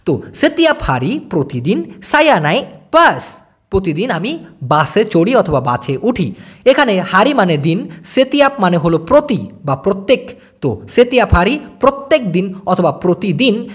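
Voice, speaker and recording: A man from Bangladesh, teaching a casual video language lesson and repeating words slowly for learners. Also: high voice.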